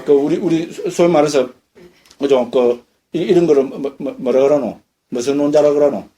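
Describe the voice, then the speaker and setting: A middle-aged man, a Buddhist monk, giving a lively dharma lecture and asking his listeners questions. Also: sits high. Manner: lively, questions the audience often. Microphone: lecture recording.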